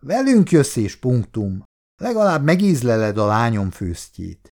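A man's voice: mid-range voice, very animated, darkish tone. Male reader doing older dad, hearty and bossy. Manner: hearty, commanding. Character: older man, jovial, bossy father.

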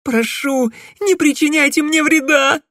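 A man's voice: very high-pitched, sing-song, normal speed, no echo, studio quality, pitched above the performer's own voice. A man voicing a capricious young female witch in an audiobook, coy and sulky by turns. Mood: frightened.

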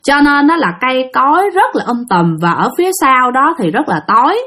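A woman tells a ghost story casually, speaking directly to her listeners in a chatty way. Her voice is high and sharp, with big pitch swings and a fairly quick delivery.

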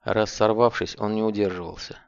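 Low gravelly male audiobook narrator. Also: steady tone, a little fast, no room sound, highs cut off.

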